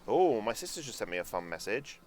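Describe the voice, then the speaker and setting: In this casual live-stream, a young man whose first language is German plays a theme park game at home, chatting to viewers in a rambling, sarcastic way with the odd swear word. He speaks a little fast in a fairly low, darkish voice that swings widely in pitch, over a slight hiss or hum.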